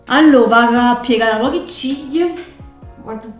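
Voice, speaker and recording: A woman's voice: fairly high pitch, moderate pace. Young female beauty vlogger, Neapolitan accent, informal tutorial chat, roomy recording over music. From Naples area, Italy. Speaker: beauty vlogger doing her mother's makeup. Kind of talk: casual makeup tutorial chat in dialect. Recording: roomy echo, music behind.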